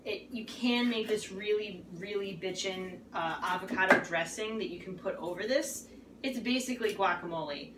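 A woman's voice: medium pitch, normal speed. A woman in her thirties walking a co-host through a recipe, chatty and instructive with lots of fillers. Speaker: cooking guide, co-host. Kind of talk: casual cooking show banter. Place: home kitchen, indoors. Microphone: camera across the room. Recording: echoey kitchen from far off, noisy.

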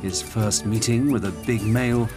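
Low-voiced male wildlife documentary narrator. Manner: measured, gently explanatory. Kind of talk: scripted narration. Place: voice-over studio. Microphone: close studio mic. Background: music under the narration.

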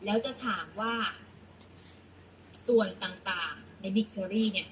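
Woman teacher, unhurried lesson delivery, patient and repetitive, mid-pitched. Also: slight background noise, low-quality recording. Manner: patient, repeats "นะคะ" often, spells out letters. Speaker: English teacher. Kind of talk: classroom lesson explanation.

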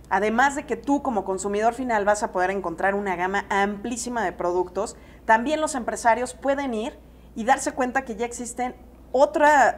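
Woman explaining green consumer trends. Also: mid-range voice. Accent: Mexican Spanish. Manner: explanatory, steady, with some restarts. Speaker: environmental specialist. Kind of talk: interview answer. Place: seated in an expo lounge area. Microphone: lapel.

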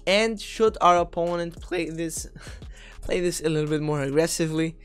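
A man's voice: fairly high pitch, normal speed, clear, resonant tone, faint music behind. A young man from Austria giving casual, chatty commentary in a video game strategy tutorial, talking through plays analytically and tossing in offhand jokes.

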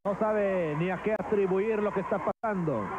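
A man's voice: high voice, normal speed. A Mexican man working as a wrestling commentator, calling lucha libre play-by-play in an arena. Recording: muffled old TV audio, loud arena noise.

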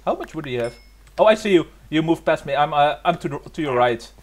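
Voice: medium pitch, animated, fast talker, a little hiss or hum. A giggly gamer chatting casually over a game and putting on pirate talk, often breaking into laughter. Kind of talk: casual gaming chat with put-on pirate talk. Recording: music playing clearly under the voice.

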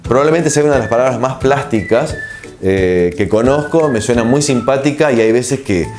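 Argentine man musing with many pauses. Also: mid-range voice, music in the background. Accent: Argentine Spanish. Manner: relaxed, reflective, many filler pauses. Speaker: TV host and producer, interview guest. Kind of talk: casual interview answers. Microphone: lapel mic.

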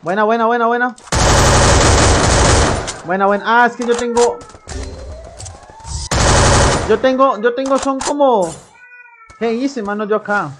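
A young man with a Colombian accent chatting excitedly on a live game stream, greeting viewers by name between bursts of exclamations. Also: very high voice, moderate pace, pauses often. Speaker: gaming streamer. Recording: loud game gunfire noise behind.

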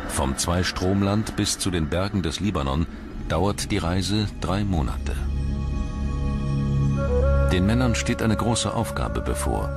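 Over background music, a low-pitched man reads scripted documentary narration in a measured, articulate storytelling manner.

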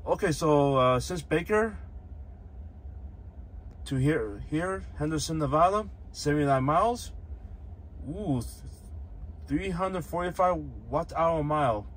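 A man's voice: on the high side, lively intonation, a little slow, pauses often. A man vlogging a road trip from inside his car, chatting and thinking aloud with small fillers. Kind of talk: casual driving commentary. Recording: car noise in background. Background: car road noise.

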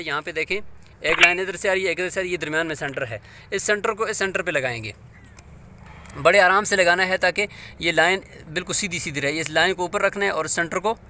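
A man walks learners through a practical method one step at a time, his voice high and bright. He checks in with questions as he goes, recorded outdoors with faint traffic hum behind him. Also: fairly quick. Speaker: teacher. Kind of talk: hands-on classroom demonstration.

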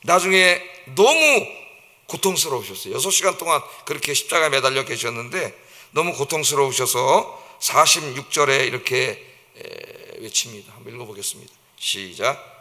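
Man, pastor, emphatic sermon, sharp tense tone, long hall echo. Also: mid-range voice, big pitch swings, normal speed. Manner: vivid, emphatic preaching, acting out mockers' taunts. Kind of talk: dawn service sermon. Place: church sanctuary. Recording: long church reverb.

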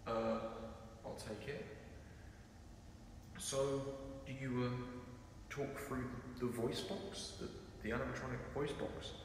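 A man playing an earnest, uneasy paranormal investigator in found-footage horror, speaking haltingly and gently to spirits. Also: medium pitch, fairly even intonation, natural voice. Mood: nervous, probing. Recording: very echoey empty building, noisy ambience.

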